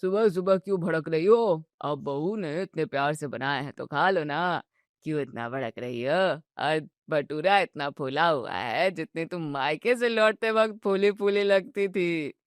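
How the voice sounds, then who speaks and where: A woman voicing a joking, teasing old father-in-law who drawls his words slowly in a storybook tale. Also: deep voice, dry recording, clean studio sound, pitched below the performer's own voice. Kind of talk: storybook narration.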